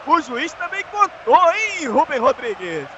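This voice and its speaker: A Brazilian man giving colloquial, animated live radio commentary on a football match. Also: very high-pitched, a little slow. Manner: colloquial, animated play-calling. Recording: dull, lo-fi sound with faint noise.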